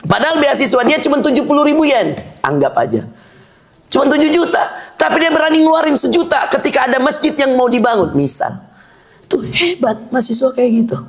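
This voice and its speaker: A man's voice: extremely high pitch, sing-song, fairly quick. A male preacher giving a sermon to a live audience, joking with the listeners, teasing them and quizzing them with questions.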